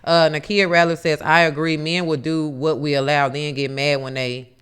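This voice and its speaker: A man with a smooth, resonant voice sitting slightly high in his range. He co-hosts a laid-back podcast and reads viewer comments out in a steady, matter-of-fact way. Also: moderate pace. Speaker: podcast co-host. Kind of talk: casual chat, reading viewer comments aloud.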